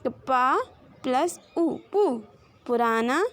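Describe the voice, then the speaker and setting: A woman teacher with a high, bright-pitched voice walks children through the letters, sounding each one out with long, careful pauses. She speaks unhurriedly and talks straight to the kids as she points along a chart. The recording is dry and close, with no room around her. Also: lively intonation, dry recording. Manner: slow, drawn-out sounding of letters and example words. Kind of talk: children's Hindi grammar lesson.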